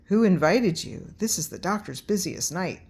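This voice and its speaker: A woman's voice: fairly low pitch, expressive, a little mellow, slightly rough. A woman voicing an officious male owl who guards a haunted house, hooting and challenging in a storybook reading. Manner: hooting, challenging, drawn-out calls.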